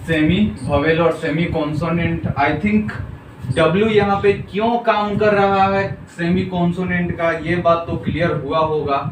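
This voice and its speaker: A man's voice: a little high, flat delivery, a little slow. A male teacher giving a classroom grammar lecture, drilling the students with repeated questions and coaxing them to answer. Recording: echoey room, far from mic, noisy.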